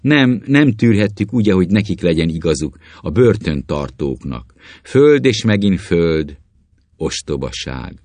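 A man's voice: very animated, a little mellow, no echo. A man reading as a haughty visionary alchemist. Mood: scornful. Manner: rapt, incantatory, sweeping pitch. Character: haughty visionary male alchemist, proud and cold. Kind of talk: audiobook reading.

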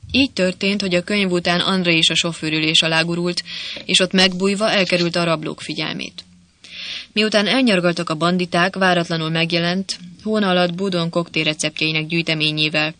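An audiobook narrator reading a novel in a steady, measured storytelling manner. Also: mid-range voice. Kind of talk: scripted narration.

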